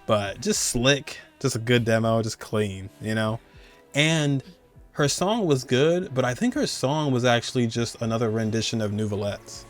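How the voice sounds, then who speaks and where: Hosting a video game countdown, a man offers casual, conversational commentary full of slang and chuckling asides. His voice sits at medium pitch and moves at a moderate pace, with faint music playing behind him.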